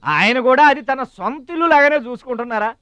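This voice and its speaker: A man's voice: very high-pitched, expressive, fast, pushed and bright, heavily acted. A middle-aged man in a film, speaking emphatically and effusively as a hospitable younger brother. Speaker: younger brother of the household head. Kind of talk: film dialogue.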